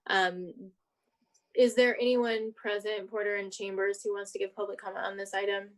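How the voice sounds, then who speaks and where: A woman's voice: mid-range voice, level tone, moderate pace. A woman mayor chairing a city commission meeting, speaking politely and procedurally.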